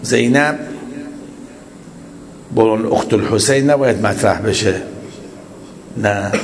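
A man giving a religious sermon in a reflective, measured preaching manner, often posing rhetorical questions. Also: medium pitch, background noise. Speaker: cleric.

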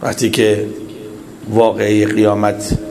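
A man giving a religious sermon in a reflective, measured preaching manner, often posing rhetorical questions. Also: on the low side, completely flat delivery, background noise. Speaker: cleric.

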